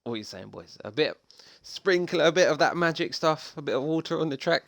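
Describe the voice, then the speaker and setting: A young man commentating a sim racing league, excitable and chatty with casual slang. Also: fairly high pitch, a little fast, gravelly, no echo, studio quality. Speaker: race commentator.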